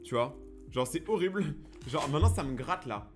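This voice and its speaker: A young man chatting casually on a live stream, reading viewers' messages aloud and answering them in a lively, slangy way from his own studio. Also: on the high side, moderate pace, over music. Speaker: streamer and YouTuber.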